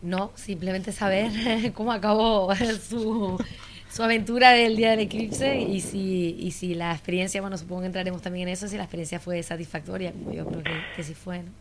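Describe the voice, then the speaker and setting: A woman guest in a radio studio asking a soft, hesitant question that trails off. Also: medium pitch, steady tone, brisk, background noise.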